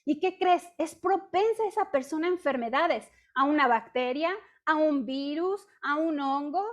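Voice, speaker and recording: High-voiced Mexican woman preaching casually. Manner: chatty, peppers talk with rhetorical questions; acts out her own past complaints in dialogue. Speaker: women's ministry speaker. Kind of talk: conversational testimony sermon. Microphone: video call.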